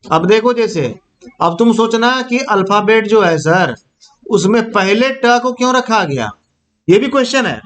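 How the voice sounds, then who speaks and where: In a classroom-style grammar lesson, a young man teaches Hindi, saying each sound aloud to demonstrate it and checking often that his students follow. His high voice is expressive and a bit bright, at a measured pace.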